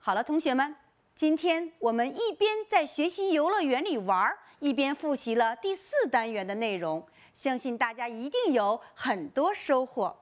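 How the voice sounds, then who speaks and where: High, animated woman teaching young children. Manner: lively, coaxing classroom delivery with drawn-out task titles. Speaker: primary school teacher. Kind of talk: recorded online lesson for first graders.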